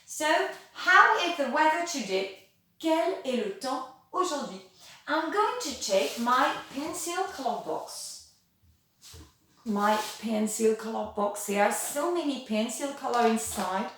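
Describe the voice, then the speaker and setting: A woman teacher talking slowly and patiently to young children, switching between French and English and asking exaggerated questions. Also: sits high, animated, fairly bright tone, slight background noise. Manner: sings nursery songs. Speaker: kindergarten teacher. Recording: very echoey room, voice from a distance.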